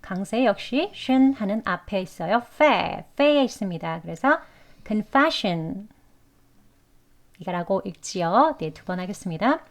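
A woman's voice: mid-range voice, animated, moderate pace, hardly any pauses. A woman teaching English pronunciation to Korean learners, patiently drawing out each example word. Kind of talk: pronunciation lesson.

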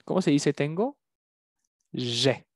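A man teaching a language lesson, drilling words slowly and patiently. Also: on the high side, lively intonation, no echo, studio quality. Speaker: French teacher.

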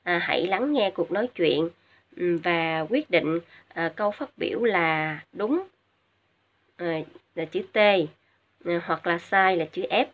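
A woman teacher with a Vietnamese accent giving a recorded English lesson, glossing each word in Vietnamese with frequent hesitant fillers and slow repetitions. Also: fairly low pitch. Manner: explains each word in Vietnamese, many filler sounds, drills English words slowly twice. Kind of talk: recorded video lesson for high school students. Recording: dull lo-fi recording.

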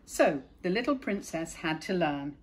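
A woman's voice: on the low side, animated, breathy edge. Woman reading a picture book to children. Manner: gentle, chatty, pauses to point out pictures.

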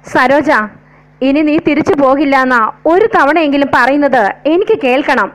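A woman's voice: sits high, normal speed, natural voice, low-quality recording. A woman voicing a lovesick, remorseful aging man who pleads tenderly. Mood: pleading.

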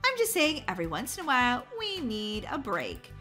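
A woman's voice: a little high, wildly swooping pitch, moderate pace, bright, forceful tone, soft background music, heavily acted. A woman voicing a patient daycare teacher who talks in soothing, sing-song baby talk in a children's toy story.

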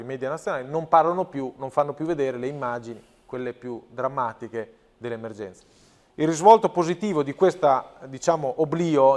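Earnest man, emphatic with restarts. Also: on the high side. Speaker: provincial president, guest. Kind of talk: talk show interview. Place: TV studio.

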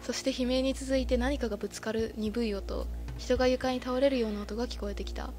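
A woman's voice: fairly high pitch, steady tone, brisk, a little mellow, faint music behind. A woman streaming a game playthrough, reading the story text aloud and breaking in with short startled reactions. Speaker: let's-play streamer.

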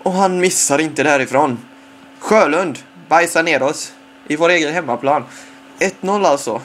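A young man commentating his own football game play, excitable and full of repeated exclamations. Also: on the high side, a little hiss or hum. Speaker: gamer.

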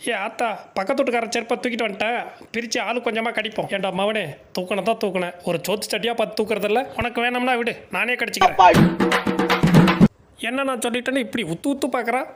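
A man's voice: very high voice, fairly even intonation, fast talker, loud music behind the voice. A man doing comic, teasing voice-overs for animals in a bantering, cartoonish way. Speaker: comedy voice-over creator. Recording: noisy background.

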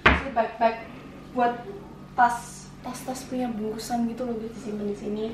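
Giving a casual house-tour vlog, a young adult woman chats playfully and informally while moving through the rooms of a house. Her voice is a little high, with little pitch movement and normal speed. The handheld camera mic is held at some distance, leaving the recording noisy and echoey.

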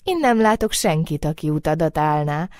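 A woman's voice: on the low side, very animated, darkish tone, no echo, clean studio sound. A woman voicing a kind, playful moonbeam spirit in a storybook reading, speaking in a coaxing, whispery way. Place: recording studio.

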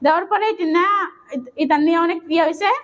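Talking fast in an extremely high but steady voice, a young woman whose relatives were the victims gives a tearful, urgent eyewitness account of a violent family tragedy, weaving in quoted dialogue from others.

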